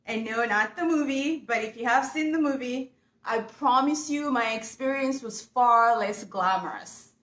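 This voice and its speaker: A woman's voice: a little high, a little slow, a bit bright, roomy sound. A young woman from Uganda, talking casually and upbeat to viewers while she works on a furniture project at home. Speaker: furniture painting vlogger. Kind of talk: casual chat while working. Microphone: camera mic.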